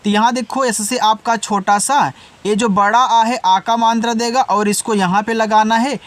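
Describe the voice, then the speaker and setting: A man teaching English words letter by letter, spelling slowly, then explaining patiently and answering his own questions. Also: high voice, fairly even intonation. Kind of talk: Hindi-language spelling lesson.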